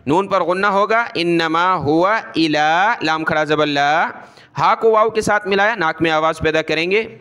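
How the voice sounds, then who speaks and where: Bright, clear male Quran teacher. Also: a little high. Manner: drawn-out melodic recitation alternating with quick spoken instructions. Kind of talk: slow recitation lesson with spoken explanations.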